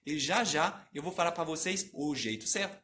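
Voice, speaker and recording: A man's voice: a little high, expressive, normal speed, sharp tone. A young man from France with a French accent, teaching a live online lesson, greeting viewers by name and drilling tongue twisters with exaggerated articulation. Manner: reads and answers viewers' comments. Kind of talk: live-streamed language lesson.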